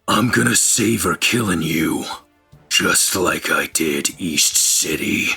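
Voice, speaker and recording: A man's voice: animated, vocal fry, pushed and bright, faint music behind, heavily acted. A man putting on a menacing villain named Brass. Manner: low, slow, sneering threats. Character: menacing young male villain Brass, cold and cruel.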